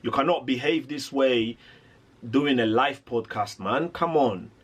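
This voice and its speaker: A man's voice: mid-range voice, measured pace, a bit bright, breathy edge. A man hosting a reaction video, giving indignant, rambling commentary with lots of restarts.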